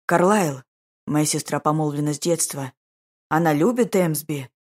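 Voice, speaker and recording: A stern, indignant older brother, as a woman narrator voices him, demanding answers in a hissing, gloomy tone. The voice stays low and husky. His displeasure is constant. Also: normal speed, darkish tone.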